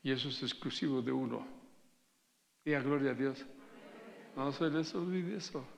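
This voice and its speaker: A middle-aged man, preaching in a gravelly voice at a middle pitch. He preaches conversationally, tells stories and asks the congregation to answer back. His voice rings with the long reverb of a church hall. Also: normal speed. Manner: conversational preaching with anecdotes, calls for congregation responses. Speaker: pastor. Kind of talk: sermon.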